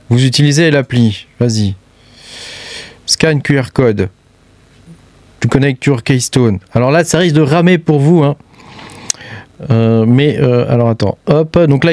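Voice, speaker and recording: A man's voice: on the high side, a little mellow, no echo, clean studio sound. A man giving a casual hands-on review of a gadget, talking loosely with many fillers and repeated tag words. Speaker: crypto hardware reviewer.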